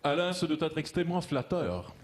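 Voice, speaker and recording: A man voicing the loft master, a deep, commanding, all-powerful unseen male voice. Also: fairly even intonation, rapid-fire, a bit bright, natural voice.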